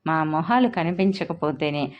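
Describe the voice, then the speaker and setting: A woman voicing a hot-tempered mother in her thirties in a storybook reading, sharp and shouting. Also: low voice, lively intonation, moderate pace, muffled recording. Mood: bitter. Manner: shouting in rage.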